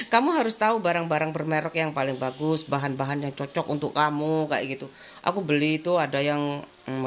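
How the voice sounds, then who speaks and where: A woman, chatting casually in a rambling way to her vlog audience and leaning on the same fillers over and over. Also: on the low side. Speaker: vlogger. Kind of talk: casual chat.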